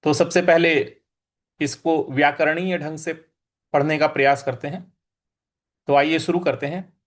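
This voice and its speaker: A man teaching scripture recitation, slowly and carefully repeating syllables and explaining where to stress them. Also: a little high, steady tone. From India. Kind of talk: recitation lesson on pronunciation.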